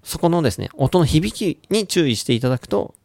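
A man hosting a radio-style English lesson, lively, demonstrating English sounds slowly and clearly. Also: fairly high pitch. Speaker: English pronunciation teacher and show host.

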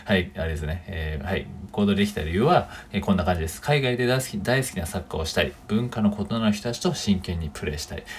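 A man's voice: low-pitched, expressive, fast talker, hardly any pauses, a little hiss or hum. A man from Japan hosting a solo podcast, talking casually through points from his own blog with many fillers and chatty tag particles. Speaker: podcast host.

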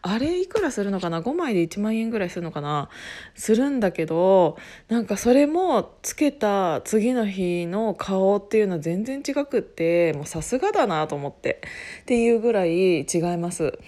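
A woman talks casually on her own in a medium-pitched voice with a hoarse, husky edge. She rambles along, cutting into her own sentences and circling back as she goes. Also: animated, normal speed, mellow. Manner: rambling, self-interrupting, often laughing at herself. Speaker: podcast host making an announcement. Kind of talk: casual solo chat.

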